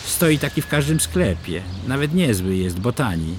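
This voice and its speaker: A man's voice: mid-range voice, sing-song, normal speed, slight background noise, pitched above the performer's own voice, natural voice. A man voicing a cheeky, skeptical young boy who talks in a dismissive, mocking tone. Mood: scoffing.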